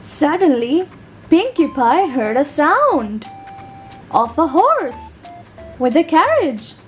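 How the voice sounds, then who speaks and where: A woman's voice: high-pitched, big pitch swings, slow pace, faint music behind. A woman hosting a children's toy channel, narrating a story in a sing-song way. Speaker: host and storyteller.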